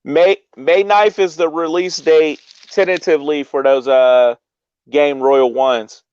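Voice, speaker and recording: A man's voice: on the high side, fairly even intonation, takes it slowly, a little mellow, smooth, no echo. An American man chatting casually as a guest on a livestream. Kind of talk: casual chat. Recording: dull, dry lo-fi stream audio.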